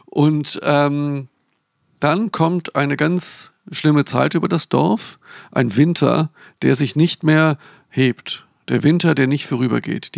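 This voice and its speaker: A man's voice: mid-range voice, vocal fry, dry recording, studio quality. A man casually retelling the plot of a children's book, loosely and with restarts. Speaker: book presenter. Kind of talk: casual book recommendation talk.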